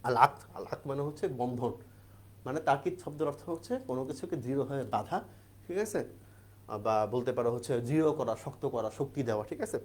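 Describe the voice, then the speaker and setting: In an exam-prep grammar lesson, a man with a mid-range, slightly mellow voice explains step by step at a fast clip. He asks and answers his own questions and keeps checking in with the class.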